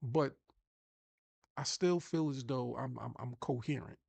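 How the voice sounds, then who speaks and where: New york guy from long island doing a motivational coaching talk, gravelly voice, dry close sound. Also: mid-range voice, measured pace, a little mellow, no echo. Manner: emphatic, restarts and repeats words. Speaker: online marketing coach.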